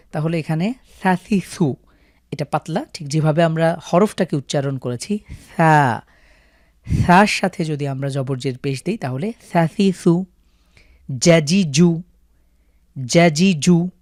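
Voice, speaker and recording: A man's voice: on the high side, a little mellow, dry recording. Man, Bangladeshi Bengali accent, patient teacher, chanted syllable drills, dry close sound. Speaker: Quran reading teacher. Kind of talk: step-by-step recitation lesson.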